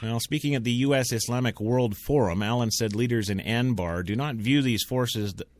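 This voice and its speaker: A man with a medium-pitched voice hosts a radio show from the studio, delivering the news at a moderate pace with joking asides and fumbling hard names. Background noise can be heard.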